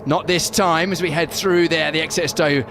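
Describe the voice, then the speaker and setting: A man's voice: a little high, fairly even intonation, fairly quick. A man co-commentating live on motorsport, keenly analysing and explaining the racing over trackside noise. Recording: clear outdoor engine and ambience noise.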